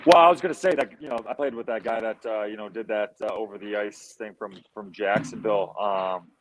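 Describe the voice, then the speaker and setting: A man telling hockey stories in casual chat, animated and slangy, repeating himself as he goes. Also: on the low side, a little fast, slight background noise, poor audio. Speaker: former hockey player guest.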